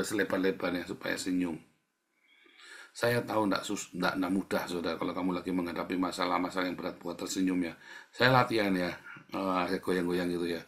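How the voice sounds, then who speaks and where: A middle-aged male pastor with a fairly low voice preaches in a relaxed, chatty way. He keeps addressing the congregation directly and drops into soft, whispered prayers as he demonstrates them. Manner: addresses listeners as "saudara", acts out whispered prayers; casual colloquial Indonesian preaching. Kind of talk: sermon.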